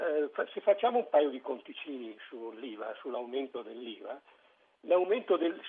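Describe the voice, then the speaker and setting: A man's voice: mid-range voice, breathy edge. A man calling in to a radio talk show, heard over a phone line, breaking off and correcting himself as he works through some sums. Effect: listener calling in over a phone line. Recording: tinny phone line on air.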